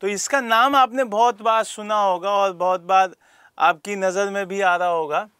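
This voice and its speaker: A man with a high-pitched voice teaches a geography lesson to prepare students for an exam, posing rhetorical questions and calling on pupils by name. His tone stays steady at a normal pace, sounding pushed, bright and smooth. The recording has no room sound at all.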